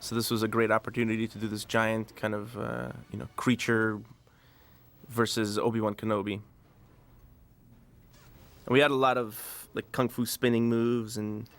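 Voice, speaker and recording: Director recording DVD commentary, rambling, lowish, flat delivery. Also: male voice, moderate pace, long pauses. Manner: relaxed, rambling, many fillers.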